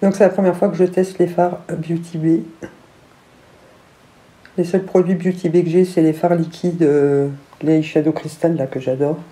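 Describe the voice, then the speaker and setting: A woman's voice: on the low side, fairly even intonation, normal speed, mellow. A middle-aged woman with a lisp and slushy s sounds, chatting casually through a makeup tutorial. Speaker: beauty vlogger. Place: small room at home, indoors.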